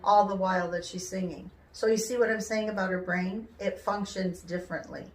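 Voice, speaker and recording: An older woman explaining things conversationally as she joins in a relaxed personal talk. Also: medium pitch, brisk, a little hiss or hum. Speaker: mother joining the talk. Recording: echoey room.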